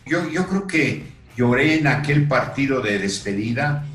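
An older man with a Mexican accent, a guest telling his story earnestly, pausing often. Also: mid-range voice, expressive, a bit bright. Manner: slow, earnest, with pauses and fillers. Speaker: guest, retired referee. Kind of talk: reflective storytelling in conversation. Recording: roomy echo with faint music.

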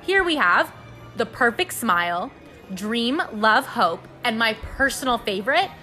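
A woman's voice: big pitch swings, unhurried, bright, forceful tone, faint music behind, exaggerated voice. A woman playing a chirpy candle shop clerk. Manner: upbeat sales pitch. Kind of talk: comedy sketch.

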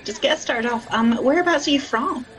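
A podcast host running a comedic improvised interview, deadpan and teasing, with mock café-server patter. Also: high voice, moderate pace, soft background music, low-quality recording.

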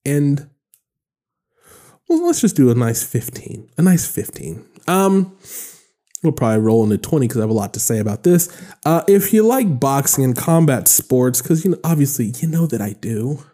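Man, 30s, podcast host, loose rambling joker, mellow tone. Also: medium pitch, big pitch swings, moderate pace. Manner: rambling, joking, lots of fillers. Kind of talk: casual solo podcast monologue.

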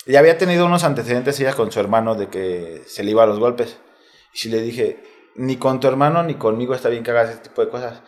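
A former footballer speaks with a medium pitch and quick pace in Mexico City Spanish. Guesting in an informal interview, he tells a personal story step by step, frank and heavy on slang.

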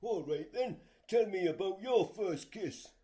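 A man playing a slow, teasing storyteller. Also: high-pitched, lively intonation, mellow. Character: cheeky man recalling his first kiss.

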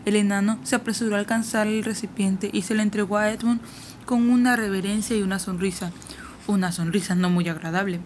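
Woman narrating a storybook, steady and measured. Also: medium pitch, slight background noise. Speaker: audiobook narrator.

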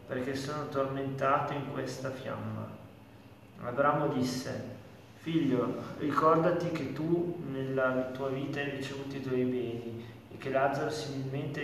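A man reading scripture aloud in a slow, measured way. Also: medium pitch, a bit bright, slight background noise. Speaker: scripture reader. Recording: distant mic in an echoey hall.

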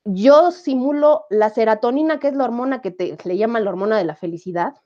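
A Mexican woman in her thirties talks as a guest and tells her story in a relaxed, easy way, acting out what people said to her. Her voice is mellow and a little dark. The audio sounds slightly muffled, like it came over a call. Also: a little high, brisk. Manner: animated, acts out quoted dialogue. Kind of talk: casual conversational storytelling.

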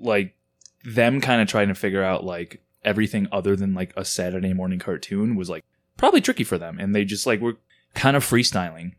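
A man co-hosting a podcast in casual chat, jokey and quick with quips. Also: low voice. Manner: jokey, quick to throw in silly voices and quips. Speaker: podcast co-host.

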